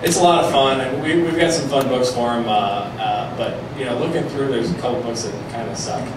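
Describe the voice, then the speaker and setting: In a loud, strongly reverberant live room, a mid-range male voice moves fairly quickly as he talks to the crowd and reads a mock children's rhyme. He is a comedic storyteller on stage, and the mic is far away.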